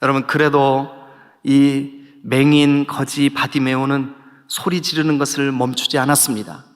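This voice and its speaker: A male pastor preaching a sermon, emphatic, dropping to soft low passages and rising to loud shouted peaks. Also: flat delivery, a little slow. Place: church sanctuary. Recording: long reverb of a church hall.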